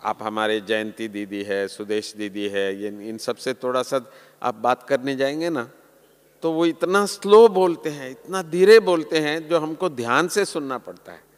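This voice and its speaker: A man giving a sermon to a large gathering as a spiritual teacher, slow and earnest, letting his voice fall softly at the ends of phrases. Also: mid-range voice. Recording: long hall reverb.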